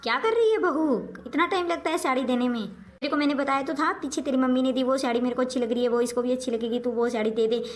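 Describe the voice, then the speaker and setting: A woman's voice: a little high, little pitch movement, warm tone, close to an everyday voice. A woman playing a nagging mother-in-law. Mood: demanding. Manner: nagging, quick-talking, coaxing. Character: fussy scolding older mother-in-law, favors daughter. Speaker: mother-in-law in a family skit. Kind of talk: home-made comic family skit.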